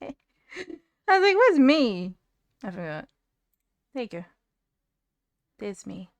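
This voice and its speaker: A woman's voice: medium pitch, sing-song, slow, gravelly, dry recording. A woman streaming from home, chatting casually and rambling to her chat while fixing her setup, close to a desk mic.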